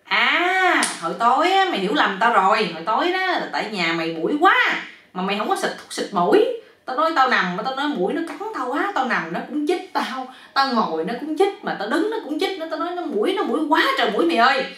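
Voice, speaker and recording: A woman voicing an exasperated young man who has been bitten by mosquitoes all night, speaking in loud, shrill bursts. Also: sing-song, quick pace, recorded from a distance, exaggerated voice. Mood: defensive. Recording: roomy, a bit off-mic.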